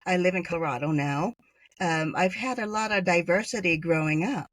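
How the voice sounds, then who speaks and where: A woman's voice: fairly low pitch, moderate pace. A middle-aged woman from Hawaii, a podcast guest chatting through personal stories with many fillers. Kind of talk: conversational storytelling interview.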